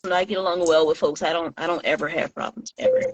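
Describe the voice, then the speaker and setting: A woman's voice: on the low side, no echo, muffled recording. A woman guest in a casual chat, joking and laughing easily. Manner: quick, joking, laughs often.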